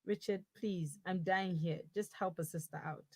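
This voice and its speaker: A woman's voice: fairly low pitch, steady tone, moderate pace, a little mellow, no echo. A woman playing a dry, sarcastic young girlfriend. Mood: impatient. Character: blunt young woman stuck in her boyfriend's body. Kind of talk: comic audio drama.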